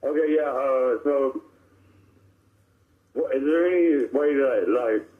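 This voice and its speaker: Man, radio call-in listener, heard over the radio, mid-pitched, casual, rambling, insistent. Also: takes it slowly, phone-quality sound. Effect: voice of a caller over the radio.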